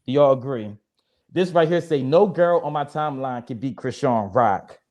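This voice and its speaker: A man's voice: mid-range voice, normal speed, darkish tone. A young man moderating a casual panel chat in a joking, blunt and profane way. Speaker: moderator of a discussion show.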